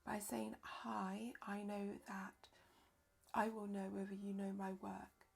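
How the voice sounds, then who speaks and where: A woman leading a live-streamed yoga nidra session as teacher and therapist, speaking softly and slowly, often dropping into a whisper. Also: mid-range voice, little pitch movement, gravelly, husky. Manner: soft, slow, often whispered delivery. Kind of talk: live-streamed guided relaxation instruction.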